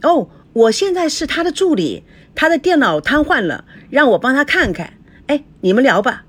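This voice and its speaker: A woman's voice: high-pitched, sing-song, moderate pace, voice pushed up. A woman voicing a timid young female assistant who talks in a hesitant, apologetic way in a storybook reading.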